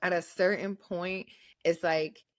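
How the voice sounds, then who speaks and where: An American woman chatting casually as a podcast co-host, reasoning in a halting, repetitive way. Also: fairly low pitch, fairly even intonation. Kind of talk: casual chat.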